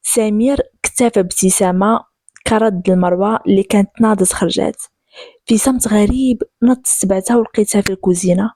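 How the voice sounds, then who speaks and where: A Moroccan woman telling a first-person story, lively and quick to slip into the characters' voices. Her voice sits at a middle pitch. The recording is dry and close to the mic. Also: no echo.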